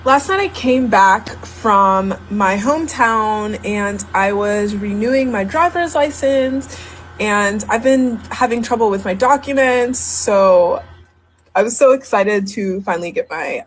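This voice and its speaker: A young adult woman at a middle pitch, telling a personal story in a video. She speaks haltingly, with frequent ums, pauses and restarts. Her voice is plain and earnest. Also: a little hiss or hum. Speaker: social media video poster.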